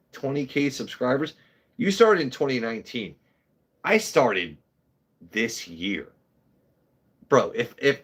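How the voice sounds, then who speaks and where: A man in his thirties hosts a casual livestream for a whiskey channel, his voice on the low side and a bit bright. He talks bluntly, swears a lot and wanders into rambling asides.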